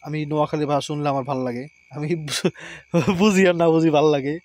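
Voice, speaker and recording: A man's voice: fairly high pitch, a little fast, a little mellow. A man with a Barishal-area accent, chatting casually to camera while cooking at home, who often adds short affirmations. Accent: Barishal-area Bangla. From Barishal area, Bangladesh. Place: rural home at night, outdoors.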